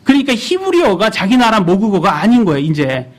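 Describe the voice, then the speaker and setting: A man's voice: high-pitched, a little fast. A man in his thirties preaching a sermon in church, asking the congregation questions as he goes. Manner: animated, asks the congregation questions.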